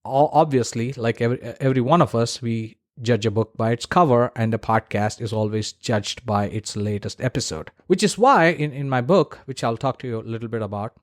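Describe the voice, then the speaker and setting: A man hosts a solo podcast, giving practical advice conversationally and repeating points for emphasis. His mid-range voice is brisk with hardly any pauses, recorded at studio quality with no echo.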